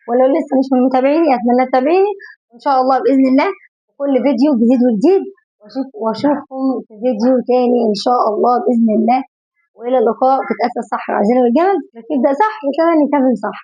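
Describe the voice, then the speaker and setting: Egyptian woman teacher for a kids' phonics lesson, high voice, drawn-out letter sounds, slightly dull lo-fi recording. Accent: Egyptian Arabic. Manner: asks questions and answers them herself. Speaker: teacher of young children.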